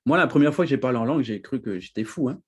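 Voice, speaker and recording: A man preaching a teaching sermon, animated and lively, often laughing and checking in with his listeners. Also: mid-range voice, rapid-fire, breathy edge.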